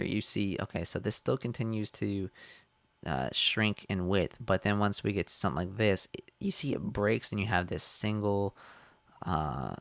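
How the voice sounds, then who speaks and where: Low-voiced man walking through his web design. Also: vocal fry, no echo. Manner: relaxed, many fillers and restarts. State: losing his voice. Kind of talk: casual screen-share walkthrough.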